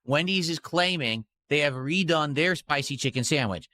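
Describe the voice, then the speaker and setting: Streamer guy just rambling, bright forceful voice, bit high, blunt and gushy. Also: animated, moderate pace, a little hiss or hum. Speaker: livestreamer. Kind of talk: casual livestream chat.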